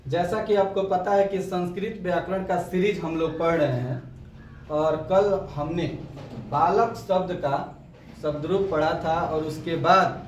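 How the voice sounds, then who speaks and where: A male coaching-center teacher giving a lesson, chanting word forms slowly so students can repeat after him. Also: fairly high pitch, a little hiss or hum. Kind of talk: slow recitation lesson. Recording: echoey room, mic at a distance, dull sound.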